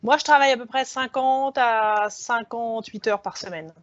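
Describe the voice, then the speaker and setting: A woman's voice: on the high side, moderate pace, dry recording. A woman speaking frankly and with animation as a guest in a panel discussion. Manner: lively, frank, laughing. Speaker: alumna guest. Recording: dull lo-fi audio.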